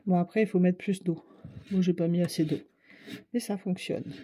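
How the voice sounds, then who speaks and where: A woman's voice: fairly low pitch, fairly even intonation, moderate pace, dark tone, husky. A woman with a Ch'ti accent from northern France, chatting casually to viewers while she tries out art supplies. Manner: chatty, thinks aloud while painting. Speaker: craft channel host.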